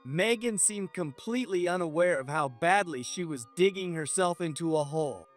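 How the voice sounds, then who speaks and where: A man narrating a scripted first-person story in an even, measured way. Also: fairly high pitch, faint music behind.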